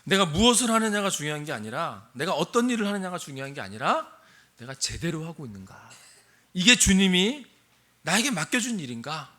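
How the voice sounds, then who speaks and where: A man's voice: on the high side, very animated, a little fast, sharp tone. An older man, a missionary pastor, preaching a sermon and asking his congregation questions. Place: church sanctuary.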